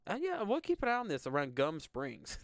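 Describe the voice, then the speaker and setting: A man's voice: a little high, wildly swooping pitch, moderate pace, creaky, no room sound, clean studio sound. A young man from Alabama, hosting live weather coverage in a casual, rambling way with lots of fillers. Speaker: weather stream host.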